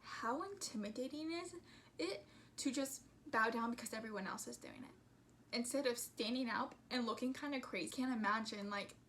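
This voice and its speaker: Young woman talking through a bible story, kinda higher voice, earnest and animated, faint hiss behind. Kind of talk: casual Bible study retelling.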